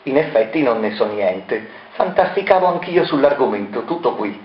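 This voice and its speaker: A man's voice: medium pitch, sing-song, moderate pace, lightly acted. A man voicing a smug, mocking scholar. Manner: dry, mocking, understated. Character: smug, malicious male scholar. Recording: dull roomy recording, faint noise.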